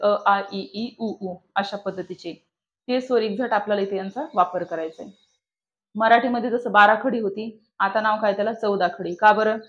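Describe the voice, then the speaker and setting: A woman with a mid-range voice, recorded with a muffled sound, gives a classroom lecture on shorthand. In a room that also includes online students, she asks the class questions and then answers them herself.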